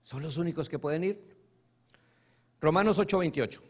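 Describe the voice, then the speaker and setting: A man preaching a sermon as pastor, swinging between loud emphatic stretches and soft, hushed asides. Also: a little high, normal speed.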